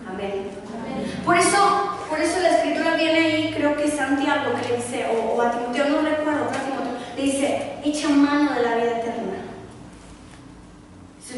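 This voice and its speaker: A woman's voice: high-pitched, a little hiss or hum. A woman pastor with a Mexican Spanish accent, preaching a sermon emphatically with rhetorical questions. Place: church hall. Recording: echoey hall from far off, faint ambience.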